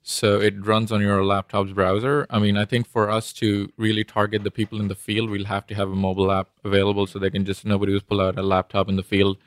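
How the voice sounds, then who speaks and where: Male startup founder as interview guest, Indian accent, low pitch, little melodic movement, informal explanatory delivery. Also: no echo, studio quality.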